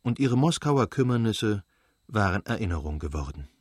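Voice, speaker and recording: A man narrating a classic novel as an audiobook in a measured, even way. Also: fairly low pitch, no echo, studio quality.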